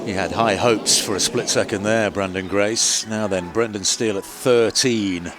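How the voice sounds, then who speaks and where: A man commentating on live golf as a play-by-play announcer, moving between measured description and excited lifts. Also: on the low side, very noisy. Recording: commentary over music and outdoor ambience. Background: music.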